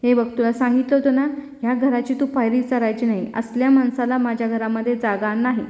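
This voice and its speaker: A woman voicing an enraged middle-aged mother who shouts at an unwanted visitor. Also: on the high side, flat delivery, fairly quick, natural voice. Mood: furious. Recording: echoey room with long reverb.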